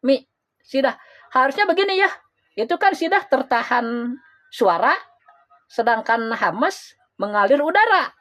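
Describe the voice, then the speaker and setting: A woman teaching Quran recitation in an informal lesson, patient and repeating letter sounds slowly. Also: high-pitched, sing-song, fairly bright tone.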